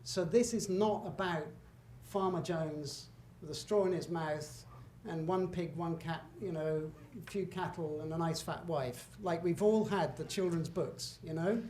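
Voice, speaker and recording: A man's voice: a little high, a little slow, few pauses, darkish tone. A middle-aged man giving a public lecture with slides, talking in a conversational, emphatic way with asides and self-corrections. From Britain. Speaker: guest lecturer. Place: lecture hall. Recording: echoey hall, faint room noise.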